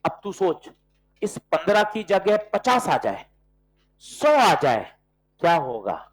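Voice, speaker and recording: A man teaching physics to a class, working problems aloud and coaxing students with quick questions. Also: sits high, wildly swooping pitch, poor audio. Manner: brisk, coaxing, quizzes students with short questions. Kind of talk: classroom lecture with problem solving.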